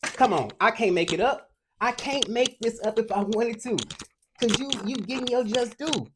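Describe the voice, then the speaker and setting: A man's voice: very high voice, moderate pace, noisy background. A man giving a collective tarot reading in a streetwise, profane, emphatic way, and out of breath at times. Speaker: tarot reader.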